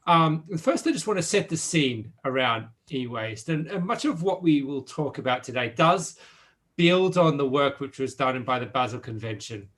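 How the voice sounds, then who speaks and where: Guy hosting a conference panel, brisk and organized, asking questions. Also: medium pitch, lively intonation, fairly bright tone. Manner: brisk, structured, posing questions. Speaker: panel moderator. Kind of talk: moderating a conference session.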